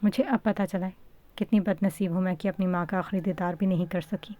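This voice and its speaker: A woman voicing a gentle, grieving middle-aged mother in a storybook reading, soft and pleading. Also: lowish voice, fairly even intonation, narrow, tinny audio, natural voice. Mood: tearful.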